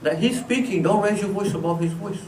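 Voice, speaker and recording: An Islamic teacher delivers a religious lecture in a mosque prayer hall, speaking conversationally and briskly with frequent "you know" fillers. His voice sits high with a darkish tone. A distant mic captures the echoey hall along with slight background noise.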